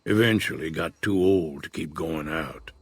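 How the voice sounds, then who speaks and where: A husky old prospector, slow and folksy. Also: male voice, extremely low pitch, no echo, heavily acted. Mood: easygoing. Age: older. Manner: unhurried, folksy drawl. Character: weathered old male prospector, laid-back and wary. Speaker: retired prospector in a frontier town. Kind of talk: video game dialogue.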